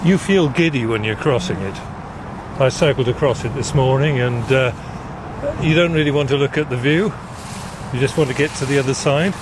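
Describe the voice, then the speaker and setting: An older retired nuclear engineer from South Wales, speaking as an interview guest, explains things in a measured way with a mid-range voice. He's walking outdoors in a gorge, and the recording picks up clear road traffic and outdoor ambience.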